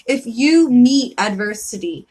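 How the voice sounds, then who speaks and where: A woman's voice: fairly high pitch, lively intonation, unhurried, darkish tone, breathy edge, rough recording. Emphatic, foul-mouthed tarot reader woman. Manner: emphatic, profane, pep-talk tone. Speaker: tarot reader hosting a live reading. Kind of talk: casual live-stream chat.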